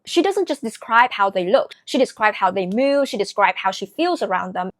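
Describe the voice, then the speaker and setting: A woman's voice: medium pitch, lively intonation, normal speed, no room sound, studio quality. A woman from Vietnam with a Vietnamese accent, talking through her recent reads in a casual, earnest and reflective book vlog. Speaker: book vlogger.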